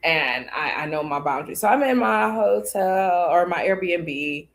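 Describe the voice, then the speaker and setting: A woman hosts a podcast and tells a personal story in a loose, meandering way. Her voice sits a little low, and she keeps acting out both sides of old conversations with plenty of fillers. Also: lively intonation, measured pace. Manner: rambling with fillers and quoted dialogue. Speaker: podcast host.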